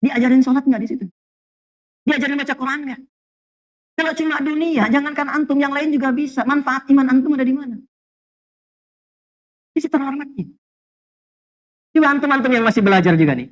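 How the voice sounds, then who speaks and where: A man preaching a lively sermon to a congregation, telling humorous stories, asking rhetorical questions, and weaving in Arabic phrases. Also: sits high. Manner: animated storytelling with jokes and rhetorical questions. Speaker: Islamic preacher. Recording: dull lo-fi sound.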